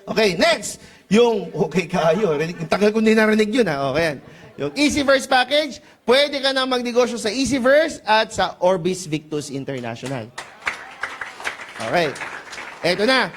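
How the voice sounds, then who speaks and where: A man giving a lively business seminar pitch before a live audience, playful and teasing, calling out to the crowd for answers. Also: normal speed. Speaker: seminar presenter.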